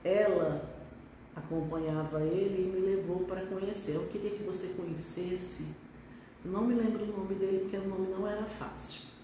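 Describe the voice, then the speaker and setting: On a phone live stream, a middle-aged Brazilian woman who works as a pediatric neurologist speaks reflectively, with occasional hesitations. Her mid-range voice is steady and mellow at a moderate pace; the room echoes, the mic is distant, and there's slight background noise.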